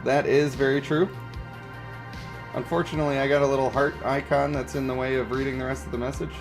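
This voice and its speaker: Over background music, a game livestreamer speaks at a medium pitch with a flat delivery and a slightly quick pace. His talk is a relaxed livestream chat where he responds to viewer comments, explaining his take and asking if people agree.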